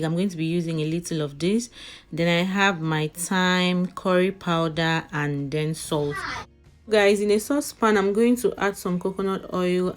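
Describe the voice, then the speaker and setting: A woman's voice: on the low side, darkish tone. A woman narrating a recipe casually as a cooking vlogger, chatting directly to her viewers. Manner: chatty, addresses viewers as "you guys" often.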